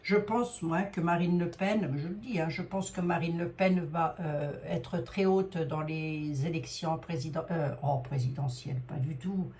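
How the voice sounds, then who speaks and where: A woman's voice: low-pitched, fairly even intonation, measured pace, few pauses, a little mellow. A middle-aged woman with a Lorraine accent, doing a card reading in a hesitant, rambling way, with many fillers. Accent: Lorraine French. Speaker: psychic card reader.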